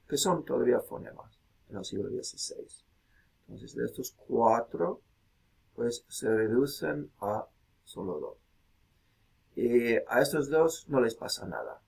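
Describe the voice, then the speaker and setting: Slow husky man giving a lecture. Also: mid-range voice. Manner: slow and deliberate, saying example words aloud. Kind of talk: recorded video lecture.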